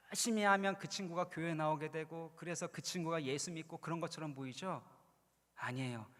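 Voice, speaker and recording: A man's voice: a little high, fairly bright tone. A pastor in his forties giving a conversational, storytelling sermon at a youth retreat, building to earnest, emphatic points. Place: large church hall. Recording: long reverb in a large hall.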